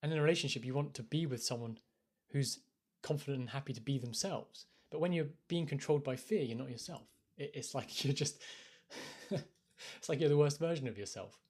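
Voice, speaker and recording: A man's voice: medium pitch, a little fast, a little mellow, husky. British man coaching on a live stream. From United Kingdom. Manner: thoughtful, hesitant, restarts phrases. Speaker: life coach. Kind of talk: casual live-stream talk. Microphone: phone.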